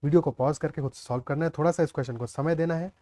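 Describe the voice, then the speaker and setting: Higher-voiced man teaching maths. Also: rapid-fire, dark tone. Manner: explains aloud, often checks the class with "clear?" and "okay". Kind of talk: step-by-step maths lesson.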